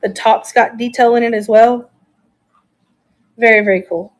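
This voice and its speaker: Chatty higher-pitched woman auction host. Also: steady tone, moderate pace. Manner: chatty, enthusiastic, thinks aloud while showing items. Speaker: live-stream reseller auctioning finds. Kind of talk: casual live-stream selling chat.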